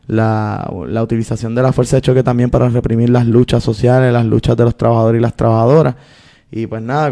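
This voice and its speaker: This interview guest, a Puerto Rican activist and filmmaker in his thirties, has a gravelly, medium-pitched voice that sounds dark and mellow. He recounts his story earnestly and without hurry, in long stretches full of fillers.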